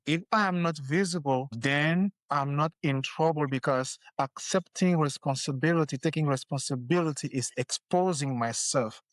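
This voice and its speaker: Man, podcast guest, earnest and measured, mid pitch, dry recording. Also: no echo. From Cameroon. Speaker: podcast guest, career strategist. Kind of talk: conversational interview.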